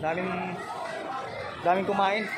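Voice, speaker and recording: A man's voice: high-pitched, flat delivery, slow. A man talking through a face mask, casually narrating a vlog to his viewers while walking through a busy indoor mall. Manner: chatty, addresses viewers as guys. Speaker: vlogger. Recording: loud crowd noise in a big hall. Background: loud crowd chatter.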